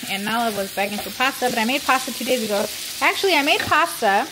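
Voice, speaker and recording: A woman's voice: a little high, lively intonation, fast talker, roomy sound. Chatty vlogger woman over a sizzling pan. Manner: chatty, says y'all, laughs often. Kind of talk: casual vlog chat. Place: home kitchen while cooking. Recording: noisy kitchen with sizzling pan.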